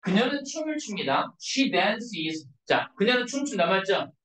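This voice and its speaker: A woman's voice: medium pitch, sing-song, measured pace, fairly bright tone. A woman teaching an English grammar lesson in Korean to a class, constantly checking with her students through short questions. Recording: echoey classroom from far off.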